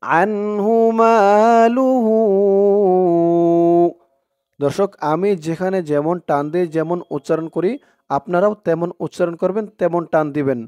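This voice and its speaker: A man teaching Quran recitation word by word, explaining each letter with slow, careful speech and chanting verses in long, drawn-out tones. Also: a little high, a little mellow, dry recording. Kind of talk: word-by-word Quran spelling lesson.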